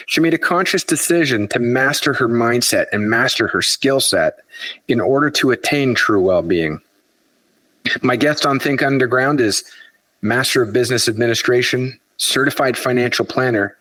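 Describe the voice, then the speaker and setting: A man's voice: mid-range voice, a bit bright. A male podcast host with a middle-range voice feels his way through long questions, often stopping to repeat words. The sound is dry and close, with no room echo. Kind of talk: interview conversation.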